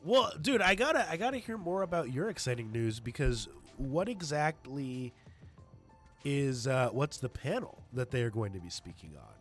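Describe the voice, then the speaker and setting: A man's voice: medium pitch, lively intonation, moderate pace, faint music behind. A middle-aged man hosting a podcast in a casual, conversational style. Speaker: podcast host.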